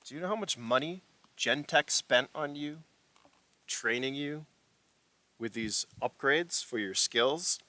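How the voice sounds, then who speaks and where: A man puts on a cold male corporate operative in a tabletop game, threatening in calm, level terms. The voice is bright and forward. He never needs to shout to make the danger plain. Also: on the high side, slow, pauses often, no echo, pitched above the performer's own voice, heavily acted. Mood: accusing.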